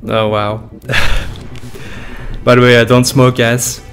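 A young YouTuber with a Dutch-speaking Belgian accent does reaction commentary on his old videos, laughing, joking and swearing freely. His medium-pitched voice is a bit bright and level, and he takes it slowly. He's at a desk boom mic with headphones in a small room, with faint music behind.

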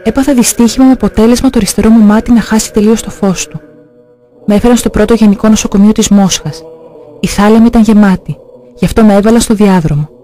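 A man's voice: high voice, warm tone, soft background music. Solemn man reading testimonies.

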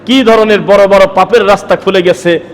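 A man preaching a sermon, pressing his listeners with forceful rhetorical questions. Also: high voice, steady tone, moderate pace. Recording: long hall reverb.

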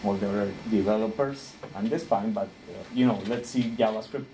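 A man's voice: fairly low pitch, a little fast, dark tone, slight background noise, poor audio. Man giving a tech talk. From Costa Rica. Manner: friendly, laughs often, searches for words. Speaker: conference speaker.

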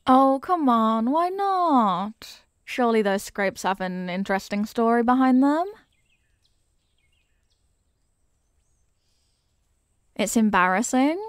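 Here a woman plays a young apprentice witch in a scripted ASMR roleplay, talking to the listener in a curious, teasing mood. Her fairly high voice is eager, expressive and kindly, unhurried, clear and resonant. It's captured close and dry, without room or echo.

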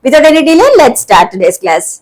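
A woman teaching an English lesson in Telugu, explaining words and repeating key terms slowly. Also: high-pitched, big pitch swings, noisy background.

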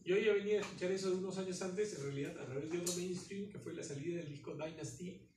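A man's voice: sits high, fast, background noise. A man in his fifties, born in Spain, introducing a guest to a class in a rambling, conversational way. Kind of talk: casual classroom talk. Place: university classroom. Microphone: far camera phone. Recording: echoey classroom from far off.

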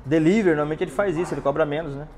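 The voice is fairly high with a darkish tone, delivered very fast in a Brazilian Portuguese accent. It belongs to a Brazilian dent repair instructor in his forties, on a lapel mic, who explains paintless techniques and points at a car during a hands-on class in a large workshop.

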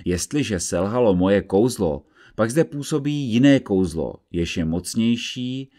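A man's voice: fairly low pitch, lively intonation, warm tone, lightly acted. A man voicing a pompous, irritable wizard who speaks in an indignant, haughty way in an audiobook reading. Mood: sarcastic.

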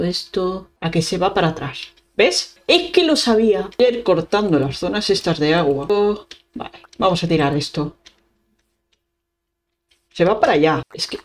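A young woman from Spain with a Spanish accent, giving chatty, excitable let's-play commentary, talking to her viewers and humming along as she plays. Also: fairly low pitch. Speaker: gaming YouTuber.

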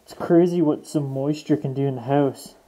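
A man's voice: mid-range voice, fairly even intonation, normal speed, mellow. A young man exploring an abandoned mansion basement, chatting casually to his viewers as he walks through. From Canada. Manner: chatty, addresses viewers as guys. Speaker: urban explorer host. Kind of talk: casual walkthrough commentary. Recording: echoey empty rooms.

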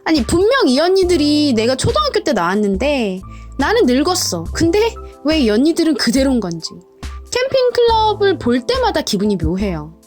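A woman's voice: high voice, huge pitch swings, moderate pace, darkish tone. A woman in her thirties hosting a casual lesson, chatty and demonstrating pronunciation by repeating words. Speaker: English teacher host. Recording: roomy echo with background music.

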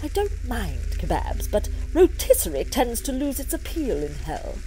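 Pompous, swooping Satan. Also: female voice, a little high, wildly swooping pitch, normal speed, warm tone, a little hiss or hum, rough recording. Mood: pompous, amused. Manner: pompous, theatrical, exasperated. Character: imperious, pompous Satan ruling hell, easily exasperated. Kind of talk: comic audio drama acting.

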